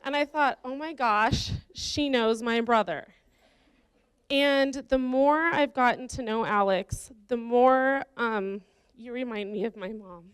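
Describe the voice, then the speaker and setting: A woman's voice: fairly high pitch, smooth, dry recording. A woman giving a heartfelt wedding toast welcoming her brother's bride into the family. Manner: heartfelt, slow and careful. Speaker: groom's sister giving a toast.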